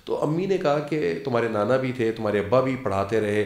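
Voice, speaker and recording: A man in his fifties, an actor and lecturer, telling stories as an interview guest and acting out quoted dialogue. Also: medium pitch. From Pakistan. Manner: animated storyteller who acts out quoted dialogue. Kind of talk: casual interview storytelling. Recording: roomy studio echo.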